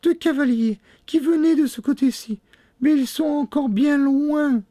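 Storybook figure: a young sister on watch voiced by a man, high falsetto, calling out, dry sound. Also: a little slow, mellow, no echo. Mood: anxious. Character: young woman, anxious sister keeping watch. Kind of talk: storybook reading.

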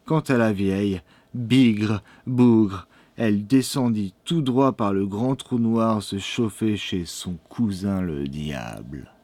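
A man narrating a children's storybook in a measured, expressive way. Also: fairly low pitch, dry recording.

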